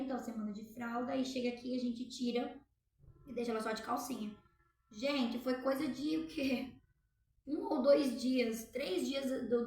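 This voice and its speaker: Mom talking to her viewers at home, high voice, really echoey room, a bit off mic. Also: far from the mic. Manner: chatty, storytelling, asks viewers for reactions. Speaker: mother. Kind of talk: casual chat to viewers.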